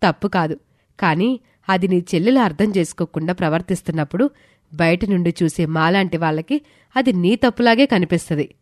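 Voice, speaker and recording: A woman voicing a calm older female friend who gives gentle, measured advice in an audio story. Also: on the low side, dry recording, studio quality, lightly acted. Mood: soothing. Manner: soothing and measured.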